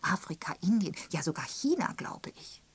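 A woman reading the part of a gossiping, sharp-tongued spinster in an audiobook, pointed and emphatic in tone. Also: fairly low pitch, very animated, moderate pace, breathy edge, whispered, full character voice. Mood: gossipy. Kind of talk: audiobook character voice.

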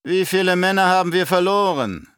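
A man's voice: mid-range voice, a little slow, a bit bright, smooth, no room sound. Man doing a tyrant baron, cruel, scheming, barking questions, sneering, dry audiobook sound. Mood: interrogating. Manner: barks angry questions, sneers in thought. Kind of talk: audiobook reading.

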